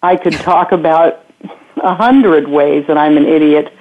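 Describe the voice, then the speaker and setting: A woman calling into a radio show over the phone, halting and self-deprecating as she searches for words. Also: low-pitched. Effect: radio show caller heard over a phone line. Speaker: caller. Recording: tinny phone line.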